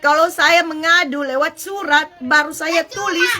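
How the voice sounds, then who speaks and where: Woman doing a phone livestream in a village, high voice, passionate, talks right to her viewers. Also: unhurried, bright, forceful tone. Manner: impassioned, rallying viewers directly. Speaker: live-stream host, citizen reporter. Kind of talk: live-streamed on-location talk. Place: outdoors in a village with residents. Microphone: phone live stream.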